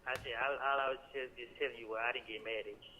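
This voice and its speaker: A man's voice: mid-range voice, fairly even intonation, fast, bright, forceful tone. A man talking casually and cursing on a prison phone call, rambling and hesitant. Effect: on a prison phone line. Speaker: jail inmate on a call. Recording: muffled phone call recording.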